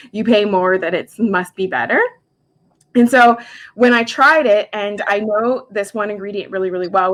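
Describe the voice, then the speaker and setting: A woman's voice: medium pitch, a bit bright. Chatty woman in her forties. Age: 40s. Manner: chatty, heavy use of "like", quick asides. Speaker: makeup artist and skincare specialist hosting a live stream. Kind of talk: casual live product chat. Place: her home.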